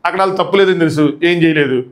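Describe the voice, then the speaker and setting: A man giving live commentary on a reality show, retelling events animatedly and acting out what people said. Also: a little high. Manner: rapid animated retelling that acts out quotes.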